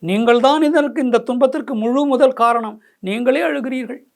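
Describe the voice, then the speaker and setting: A woman's voice: on the high side, normal speed, vocal fry, a little mellow. A woman voicing a grieving young wife who reproaches her own eyes in a lamenting, repetitive way. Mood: reproachful. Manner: reproachful, lamenting, repeating herself. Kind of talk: dramatized poetry explanation.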